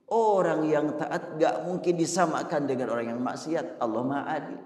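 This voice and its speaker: A man preaching a sermon in a mosque hall, swinging from loud emphasis to a hushed, near-whispered delivery. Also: on the high side. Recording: echoey hall with long reverb.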